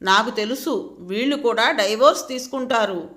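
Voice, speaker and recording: A woman's voice: a little high, moderate pace, fairly bright tone, natural voice. A woman voicing a young grandson who talks in a childlike, pleading way. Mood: tearful. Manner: childlike, pleading, sobbing speech. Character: little boy, grandson, upset and tearful.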